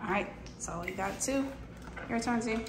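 A woman's voice: fairly high pitch, normal speed. A woman chatting casually as she hosts and directs children in a family vlog, with an encouraging manner. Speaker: adult hosting a kids' candy challenge. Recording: roomy echo, faint background noise.

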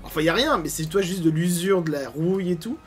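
A man giving casual gameplay commentary as a gaming YouTuber, animated, grumbling and swearing at bad loot. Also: sits high, fairly quick, faint music behind.

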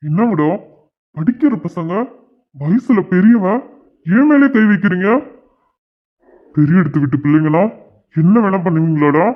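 A smug cartoon groom brushes off and threatens a gang of schoolboys, played by a man. His voice sits a little high, and it comes through tinny and phone-like. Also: measured pace, long pauses. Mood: threatening. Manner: dismissive, threatening.

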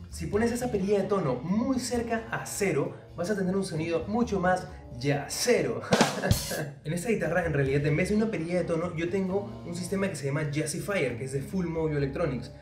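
A man's voice: high voice, brisk, roomy sound, distant mic. A young man giving a casual guitar lesson, explaining each step directly to the viewer. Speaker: guitar teacher. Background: faint guitar playing.

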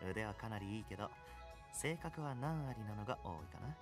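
Suave, self-assured young anime gamer. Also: male voice, fairly low pitch, big pitch swings, music in the background. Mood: courteous, easygoing. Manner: smooth, courteous, unhurried phrasing with cool confidence. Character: suave, self-assured young male top-ranked gamer, politely menacing. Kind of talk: Japanese anime game voice acting.

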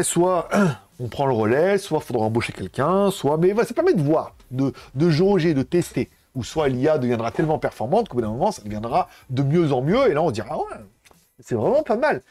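Male live-stream host, casual rambler, slightly high voice, dry close mic. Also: a little mellow, dry recording. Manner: rambling, colloquial, many fillers and restarts. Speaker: tech livestream host. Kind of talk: casual live chat with viewers.

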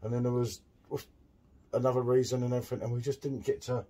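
Middle-aged man, beer tasting chat, dark husky voice, home bar. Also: mid-range voice, quick pace. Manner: chatty, excitable, lots of tag questions. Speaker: beer reviewer.

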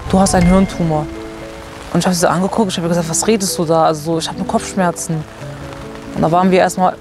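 A woman's voice: lowish voice, fairly even intonation, fast talker. A woman in her twenties from Germany, telling her own story in a candid, casual documentary interview, recorded outdoors in a garden with a lapel mic. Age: 20s. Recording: music bed behind the voice.

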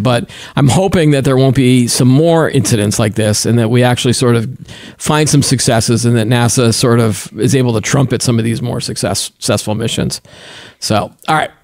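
A middle-aged man co-hosting a tech podcast in a loose, rambling way. He keeps circling back and restarting his sentences. His voice sits at an ordinary pitch, recorded close and dry. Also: moderate pace, a little mellow, no room sound. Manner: rambling, self-correcting, chatty. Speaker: podcast co-host. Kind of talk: casual tech chat.

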